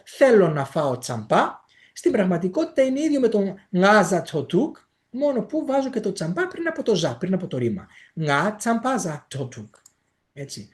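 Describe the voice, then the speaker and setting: Man, language teacher, animated pitch, patient and hesitant, slow demonstrative repeats. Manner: explains patiently, repeats phrases slowly for pronunciation; frequent hesitations and fillers. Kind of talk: casual spoken lesson.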